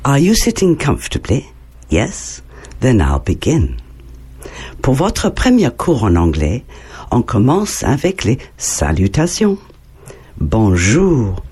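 A woman teaching English to children in a slow, playful, heavily exaggerated sing-song manner. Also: very deep voice, a little mellow, breathy edge. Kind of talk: children's language lesson.

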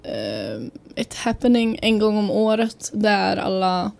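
Gravelly young woman, chatty and hesitant. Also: medium pitch, big pitch swings. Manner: hesitant, many fillers, trails off softly. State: recovering from a cold. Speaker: podcast co-host, psychology student. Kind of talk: casual chat.

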